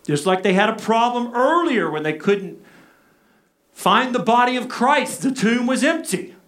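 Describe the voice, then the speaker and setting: A man's voice: very high-pitched, lively intonation, unhurried, a bit bright. A man delivers a sermon. He speaks as a pastor, pressing his points with repetition and rhetorical questions. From Arkansas, United States.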